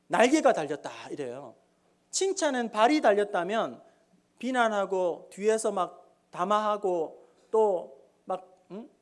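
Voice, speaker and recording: A male pastor preaching a sermon in a church, telling stories in an animated way and acting out the characters' voices. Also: high-pitched. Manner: animated storytelling with acted-out voices. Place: church sanctuary.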